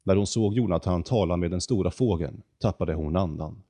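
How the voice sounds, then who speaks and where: A man narrating a storybook in a calm, measured reading voice. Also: low-pitched, no room sound.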